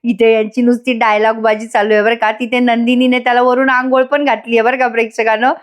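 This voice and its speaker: A woman's voice: fairly high pitch, little pitch movement, brisk. A woman giving a chatty voice-over recap of a TV serial, laughing often and talking to her viewers. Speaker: TV serial reviewer.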